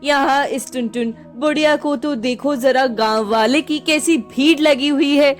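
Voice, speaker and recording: A woman's voice: high-pitched, unhurried, faint music behind. A woman voicing a jealous male sweet-maker who speaks with a sneer. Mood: scheming.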